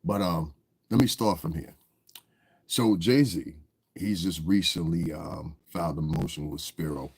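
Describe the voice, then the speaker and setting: A man congested from a cold gives rambling, casual livestream commentary, talking straight to his viewers and often asking "you understand" to check they follow. His voice is low, husky and darkish, at a measured pace.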